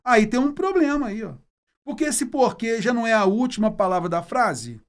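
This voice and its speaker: A man voicing a puzzled student who questions and quickly objects during a grammar lesson. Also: very high-pitched, big pitch swings, full character voice. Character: puzzled student raising a doubt.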